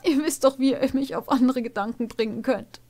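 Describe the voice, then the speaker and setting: A stubborn young princess mare from a storybook, put on by a woman reading aloud. She speaks high, loud and emotionally, her voice climbing well above the reader's own. She sounds tearful and headstrong. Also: a little fast. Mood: defiant.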